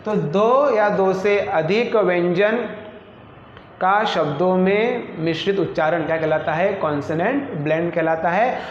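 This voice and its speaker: A man's voice: high voice, unhurried, a little hiss or hum. A male teacher giving a classroom lesson, who asks a question and then answers it himself. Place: classroom with a board. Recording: echoey, dull lo-fi room sound.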